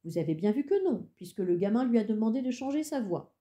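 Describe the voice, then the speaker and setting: A fussy middle-aged male talent agent with a smooth, selling patter, as a woman reads him. Her voice is very dark and mellow, in an audiobook. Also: fairly high pitch, very animated, fast. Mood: defensive.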